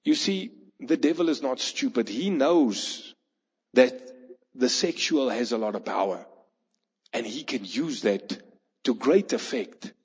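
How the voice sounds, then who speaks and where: Male preacher, husky voice. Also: medium pitch, expressive, measured pace. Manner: storytelling, acting out the people in a parable. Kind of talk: sermon. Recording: long hall reverb, dull lo-fi sound.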